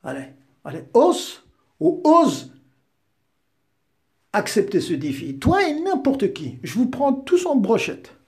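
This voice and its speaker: A man's voice: sits high, wildly swooping pitch, moderate pace, a little mellow. Combative fifty-year-old man ranting. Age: 50s. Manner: insulting, mocking, combative. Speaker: YouTuber answering a critic. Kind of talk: heated rant.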